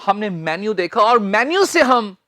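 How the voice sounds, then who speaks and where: A man's voice: high-pitched, no echo, studio quality. A man teaching English pronunciation in Hindi, spelling words letter by letter and quizzing his students. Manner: lively, repeats words slowly and quizzes students. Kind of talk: spoken English lesson.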